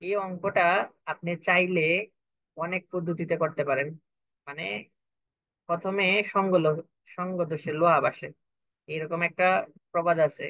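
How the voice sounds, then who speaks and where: A young man teaches a math lesson, breaking each step down patiently and repeating himself to make sure students follow. His voice sits slightly high for a man. The recording is dry and dull, like a lo-fi online class. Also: steady tone, normal speed, pauses often, a bit bright, no room sound. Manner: patient, repetitive, checks for understanding. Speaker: math tutor.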